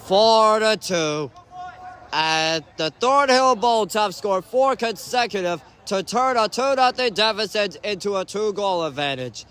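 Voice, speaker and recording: A man giving excitable sideline commentary on a youth soccer match, groaning and shouting as plays unfold. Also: high voice, measured pace. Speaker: amateur commentator.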